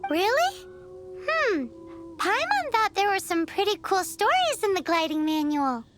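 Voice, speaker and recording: A woman voicing a tiny, cheeky, childlike fairy girl companion in a video game, squeaky and pert. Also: big pitch swings, a little slow, music in the background, heavily acted. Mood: curious. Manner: refers to self in third person, pert.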